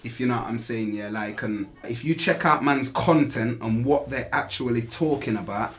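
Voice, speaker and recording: A man's voice: mid-range voice, moderate pace, a bit bright. A man with a Nottingham accent, a rapper giving a casual interview in street slang, often tagging his phrases with questions. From Nottingham, England. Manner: repeatedly tags phrases with "you get me" and "innit".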